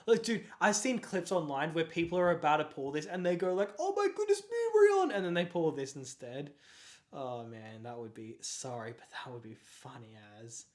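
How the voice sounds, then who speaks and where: A young Australian streamer talking off the cuff in a mid-pitched voice. The delivery is excitable and rambling, full of quick apologies and laughter. It sounds like a relaxed live chat, not a script. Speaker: card-collecting livestreamer. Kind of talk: casual livestream chat.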